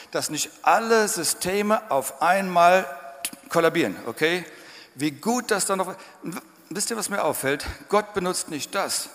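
A man preaching a sermon in church, emphatic and dramatic, sometimes breaking into loud shouts. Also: fairly high pitch. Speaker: pastor. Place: church hall. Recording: church hall reverb.

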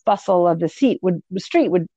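A woman's voice: on the low side, lively intonation, brisk, mellow, dry recording, lo-fi sound. A woman from Philadelphia hosting a thoughtful conversation, searching for her words as she goes. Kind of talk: reflective conversation.

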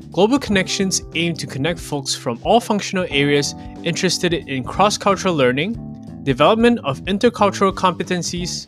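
Guy announcer reading credits, kinda high voice, guitar music behind. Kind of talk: scripted show credits.

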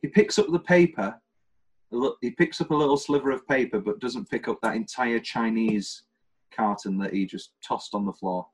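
A British man hosts a casual film podcast, rambling and joking as he goes through his favourite scenes and quotes them in funny voices. His voice is medium-pitched with a breathy edge, at a moderate pace, on a rough recording.

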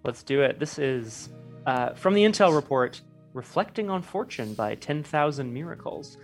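A woman's voice: a bass voice, expressive, normal speed, faint music behind. A woman, a tabletop game player, reading an in-game newsletter aloud in a playful tone, now and then laughing.

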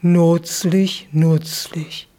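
A woman voicing a drowsy zebra in a storybook that talks only in its sleep, mumbling slowly and half whispering. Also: on the low side, flat delivery, mellow. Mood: sleepy.

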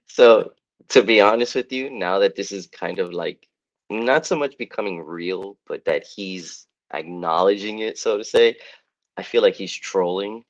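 Low-voiced guy on a sports pod, sure of his takes, kinda dull lo-fi audio. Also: measured pace. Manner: emphatic, opinionated. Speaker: podcast co-host. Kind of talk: casual sports chat.

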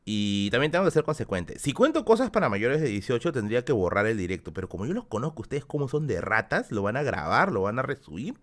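A man's voice: medium pitch, sing-song, quick pace, few pauses. A young man with a Peruvian Spanish accent, chatting casually on a late-night livestream, reading out donations and viewer comments in a self-deprecating way. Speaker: streamer.

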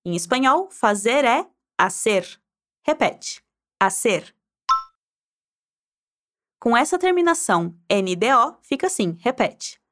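Woman, Spanish teacher, high animated voice, encouraging drill style. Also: unhurried. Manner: encouraging, prompts listener to repeat aloud. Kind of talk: guided pronunciation drill.

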